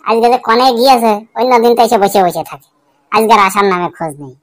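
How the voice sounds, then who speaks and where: A woman's voice: a little high, fast talker, lightly acted. A woman voicing a fretful, grumbling young village man in a cartoon. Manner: grumbling, swears a lot. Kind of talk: cartoon voice acting.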